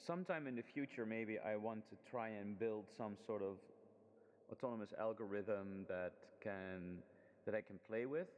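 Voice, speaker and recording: A man's voice: on the low side, moderate pace, a little mellow. A man presenting his student project in a casual, hesitant demo walkthrough, full of ums and restarts, his voice soaked in heavy hall-like reverb. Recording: long reverb, dull lo-fi sound.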